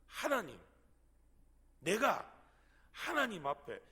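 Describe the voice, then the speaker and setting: A preacher acting out a weary, indignant prophet who pleads and protests in a raised, bright voice that swoops up and down. The voice is high for a man and rings with a long reverb. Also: wildly swooping pitch, takes it slowly, slightly rough, full character voice. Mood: pleading, aggrieved.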